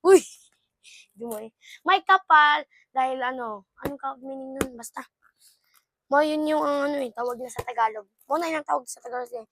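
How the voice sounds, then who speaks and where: A woman's voice: high-pitched, moderate pace. A young woman vlogging casually as she unboxes, exclaiming often and mixing English with her own language. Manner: excitable, exclaiming, mixes English with local talk.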